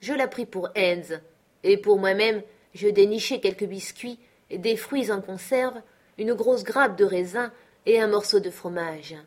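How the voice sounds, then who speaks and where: A woman narrates an adventure story in a calm, measured way. Her voice sits at a middling pitch for a woman. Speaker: audiobook narrator. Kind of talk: scripted narration.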